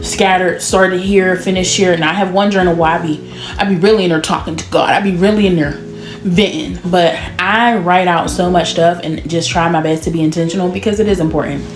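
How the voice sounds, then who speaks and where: Chatty woman vlogger in her twenties. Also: lowish voice. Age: 20s. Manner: chatty, drawn-out words, lively laughs. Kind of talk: casual chat to camera. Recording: echoey room with faint music.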